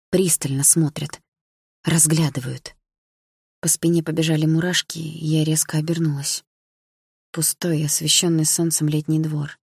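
A woman narrating a novel in the first person, calm and even, close to the mic. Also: low-pitched, vocal fry, breathy edge, dry recording. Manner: calm, even storytelling with inner thoughts. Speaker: audiobook narrator.

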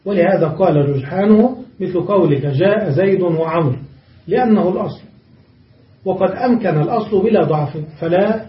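Male teacher, high voice, asks rhetorical questions, dull echoey room, mic at a distance. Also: fairly quick. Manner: explains step by step with rhetorical questions. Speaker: Arabic grammar teacher. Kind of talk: classroom grammar lesson.

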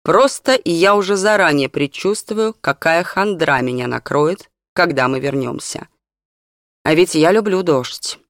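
An audiobook reader voicing an earnest, serious young male teacher in calm, measured speech. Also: medium pitch, no echo, clean studio sound.

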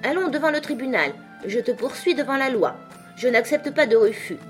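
A woman's voice: sits high, expressive, moderate pace, faint music behind, voice pushed up. A woman reading the part of a sly, domineering male dog in a storybook. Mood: bullying. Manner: blustering, domineering.

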